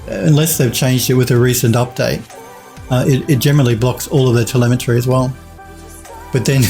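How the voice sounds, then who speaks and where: Australian male streamer, 40s, casual rambling chat, mid pitch, soft music bed. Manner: rambling, chatty, many restarts and chuckles. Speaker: 3D modelling streamer. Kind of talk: casual live-stream chat reading viewer comments. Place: home studio at a desk.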